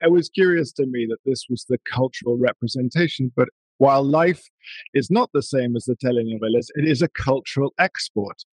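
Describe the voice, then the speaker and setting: A man, likely from England, hosting a podcast interview in a relaxed, conversational way. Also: medium pitch, fairly quick, slightly rough, dry recording, rough recording. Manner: relaxed conversational, laughs easily. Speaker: podcast host.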